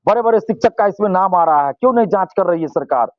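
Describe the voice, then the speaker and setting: A man's voice: sits high, lively intonation, fast talker, no room sound, highs cut off. A male student leader, giving impassioned interview answers and repeating phrases for force.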